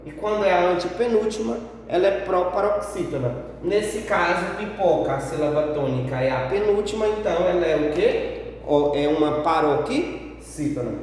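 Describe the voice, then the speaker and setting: A high-voiced Brazilian male teacher leads a grammar review, drawing out each syllable of his example words slowly. He sounds set back from the mic, in a very echoey room with a long reverb tail. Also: lively intonation, a little mellow, recorded from a distance, slight background noise. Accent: Brazilian Portuguese. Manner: slow, drawn-out syllables for examples; asks and answers a pupil's question himself. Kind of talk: recorded grammar review lesson.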